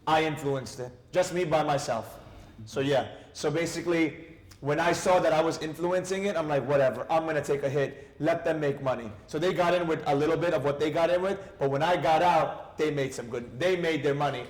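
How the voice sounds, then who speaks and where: A man mentoring trading students in casual talk, animated, asking the group questions. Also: fairly high pitch, a little fast, echoey room. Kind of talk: casual teaching chat.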